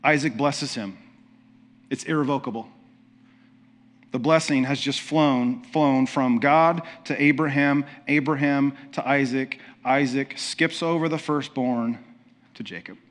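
A man's voice: medium pitch, a little slow. Man preaching in a conversational way. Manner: conversational, with frequent restarts and rhetorical questions. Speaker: pastor. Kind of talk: sermon.

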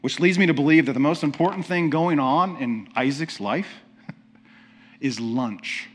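A man's voice: a little high, measured pace, a bit bright. A man preaching a sermon in a conversational way, asking the listeners questions and often restarting his sentences. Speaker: pastor.

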